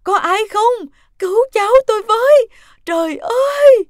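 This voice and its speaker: A woman's voice: extremely high pitch, lively intonation, moderate pace, dry recording, studio quality, pitched above the performer's own voice. A woman voicing an irritable, easily panicked elderly grandmother who cries out shrilly. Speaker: mother-in-law character.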